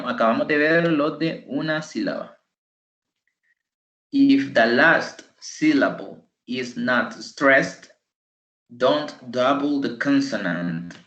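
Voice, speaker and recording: A male tutor teaching online with a slow, careful delivery, repeating each word so the class can copy it. His voice is medium in pitch. The sound is roomy and echoey, with a dull, lo-fi quality. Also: fairly bright tone. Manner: slow, deliberate, repeats words for pronunciation drills. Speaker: English tutor. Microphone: computer microphone.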